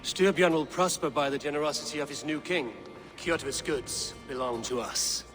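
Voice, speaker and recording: Blunt Viking warrior, a man acting, slightly high. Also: normal speed, fairly bright tone, soft background music, close to an everyday voice. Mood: firm. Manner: blunt, assertive, terse. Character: bold, stubborn Viking warrior hero. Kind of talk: dramatic video game dialogue.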